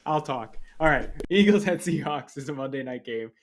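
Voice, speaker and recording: A man co-hosting a casual sports podcast, chatty and joking, quick to give his opinions. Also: mid-range voice, lively intonation, a little hiss or hum. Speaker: podcast co-host.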